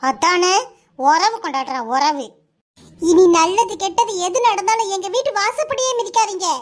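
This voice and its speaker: Defiant, cutting young cartoon village woman voiced by a woman, very high, southern Tamil Nadu accent. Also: normal speed.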